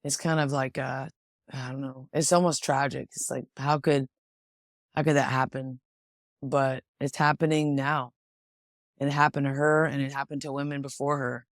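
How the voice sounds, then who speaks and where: Her pitch is extremely low and her tone level as she talks at normal speed. A young American pro boxer from Washington State, she's an interview guest in a casual conversation, reflective and prone to frequent restarts, recorded dry in a clean studio.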